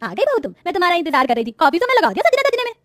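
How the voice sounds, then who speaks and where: A woman's voice: extremely high pitch, wildly swooping pitch, racing, a bit bright, dry recording, pitched above the performer's own voice, exaggerated voice. Monalika, a woman doing a fussy mother-in-law. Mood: coaxing. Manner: coaxing, fussy. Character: wealthy mother-in-law, fussy but patient. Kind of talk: Hindi cartoon voice acting.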